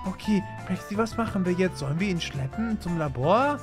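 A man hosting a Minecraft roleplay, talking excitably to viewers and repeating words fast when he panics. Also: sits high, music in the background. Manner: addresses viewers directly as "Leute". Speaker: channel host and roleplayer.

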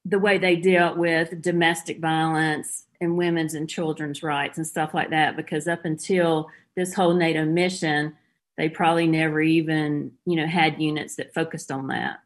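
A woman's voice: deep voice, level tone, moderate pace. A middle-aged woman with a Southern US accent, a former police officer telling her story plainly as a guest in an interview.

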